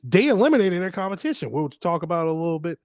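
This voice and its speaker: A man's voice: high-pitched, big pitch swings, rapid-fire, no room sound. A man, hosting a casual podcast chat, rambling, laughing often and swearing freely. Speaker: podcast host.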